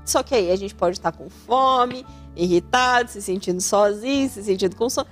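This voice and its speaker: A woman's voice: medium pitch, moderate pace, soft background music. A woman with a Brazilian Portuguese accent hosting an advice talk show, speaking animatedly and acting out the voices she quotes. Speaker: radio host giving family advice.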